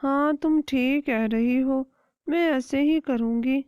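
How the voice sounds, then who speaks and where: A woman voicing a caring, worried mother hen in a cartoon, speaking gently. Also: high-pitched, dry recording, pitched above the performer's own voice, lightly acted. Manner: gentle, pleading explanations. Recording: dull dry lo-fi recording.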